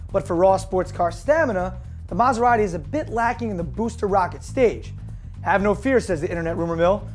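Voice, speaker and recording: A hoarse woman hosting a daily car news show, reading scripted news with jokey deadpan asides. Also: mid-range voice. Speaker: host.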